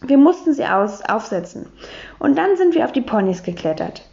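Lively woman reading a storybook. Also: on the high side, normal speed, vocal fry. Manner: lively first-person telling as a boy. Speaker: audiobook reader. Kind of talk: children's storybook narration. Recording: dull lo-fi recording.

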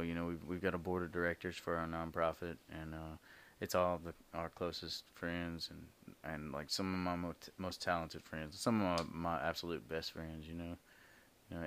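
A man with a very deep voice talks casually about the festival he helps organize. He drifts through fillers and restarts and stays relaxed. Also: smooth. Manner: laid-back, halting, many fillers and restarts. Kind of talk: casual podcast chat.

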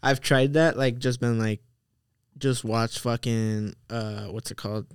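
A man's voice: medium pitch, steady tone, a little slow, clean tone, no echo, studio quality. A young man chatting casually with friends in slangy talk peppered with swearing. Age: young adult.

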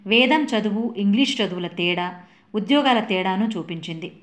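A woman's voice: mid-range voice, expressive, normal speed. A woman reading a short review of a classic play and its film, lifting her voice for quoted dialogue.

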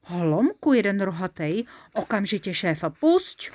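A woman's voice: medium pitch, very animated, a little mellow. A woman voicing a prim, stern female angel who scolds indignantly. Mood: scolding.

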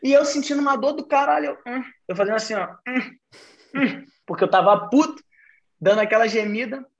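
A young man, telling an anecdote in casual chat, profane and animated. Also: extremely high pitch, brisk, dull audio. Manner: profane, animated, slangy storytelling. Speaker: podcast storyteller.

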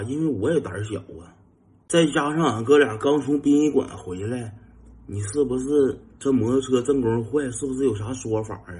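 A young man with a Northeastern Mandarin accent spins a casual anecdote at a mid-range pitch. He keeps it lively, imitating engine sounds and breaking into chuckles as he goes. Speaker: storyteller.

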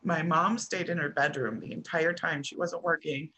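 A middle-aged American woman telling a personal story as a podcast guest, halting and restarting often with soft trailing pauses. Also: low voice, fairly even intonation, husky. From United States.

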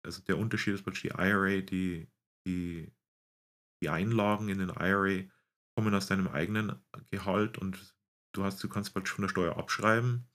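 With a low, steady and fairly bright voice at a normal speed, a middle-aged man explains US retirement investing as a guest. He has a Bavarian German accent touched by American. His manner is casual, and he often hunts for words or switches to English.

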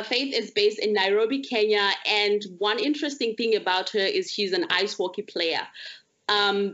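A woman speaks at a middle pitch as a podcast host. She introduces and questions her guest conversationally. The sound is slightly muffled. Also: a bit bright. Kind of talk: conversational interviewing.

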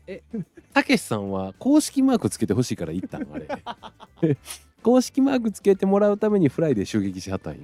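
A man with a Kansai accent co-hosting a casual free-talk podcast, animated and teasing, laughing often. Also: a little high, brisk, no room sound. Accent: Kansai Japanese. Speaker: company president and co-host.

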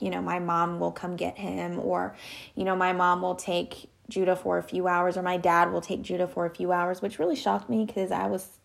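A woman's voice: lowish voice, creaky. A young woman hosting a faith-based question series, talking casually to camera and laughing between rambling answers. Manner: chatty, rambling, laughs often.

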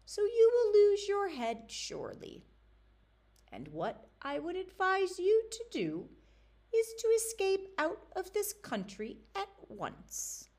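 A woman voicing a cunning young enchanter's daughter who speaks high and sharp. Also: huge pitch swings, takes it slowly, heavily acted. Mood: warning.

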